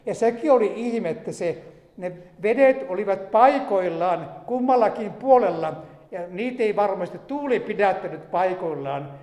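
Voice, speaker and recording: A man's voice: high-pitched, animated, darkish tone. A man preaching a sermon, retelling a Bible story with emphatic rises and asides. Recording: echoey hall reverb.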